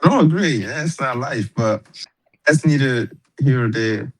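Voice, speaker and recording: Husky-voiced man hosting a podcast. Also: mid-range voice, a little slow, poor audio. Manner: relaxed slangy talk. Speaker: podcast host. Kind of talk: casual banter.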